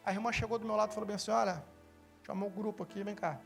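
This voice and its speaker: High gravelly Brazilian pastor preaching. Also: male voice, very fast, soft background music. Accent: Brazilian Portuguese. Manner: animated storytelling, acts out dialogue, rising to loud emphasis. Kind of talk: sermon. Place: church, live sermon with slides.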